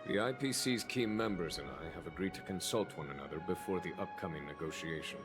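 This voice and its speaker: A man voicing a low-voiced, courteous general. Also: natural voice. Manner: measured, formal, diplomatic. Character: composed, courteous male general, calm and authoritative. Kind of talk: anime game voice acting. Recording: game music behind the voice.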